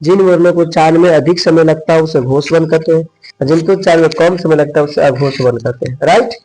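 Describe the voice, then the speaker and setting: A man's voice: a little high, fast, mellow, rough recording. A young man teaching Hindi grammar in a coaching-class lecture. He repeats each point, quizzes his students and keeps calling them his dear brothers.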